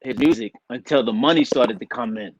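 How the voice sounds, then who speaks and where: Speaking briskly in a mid-range voice, this Liberian rapper keeps the interview relaxed and conversational, leaning on "you know what I mean" a lot. The recording is rough.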